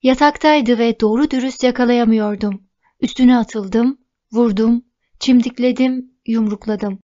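A woman narrating a novel in the first person, telling the story at a steady pace. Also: fairly high pitch, measured pace, muffled recording. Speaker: audiobook narrator.

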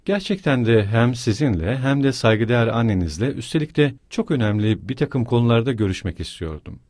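A man's voice: medium pitch, lively intonation, brisk, darkish tone, dry recording, studio quality, natural voice. A man reading a pompous middle-aged suitor. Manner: pompous, sententious.

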